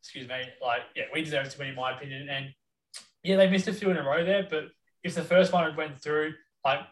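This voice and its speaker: A man's voice: a little high, fast. A man with an Australian accent hosting a casual sports chat. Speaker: podcast host. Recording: roomy echo, distant microphone.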